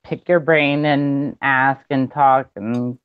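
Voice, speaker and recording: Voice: medium pitch, fairly even intonation, slow, clear, resonant tone, dry recording, dull audio. A caller in their forties on a group call, asking eager, curious questions. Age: 40s. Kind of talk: casual group call chat.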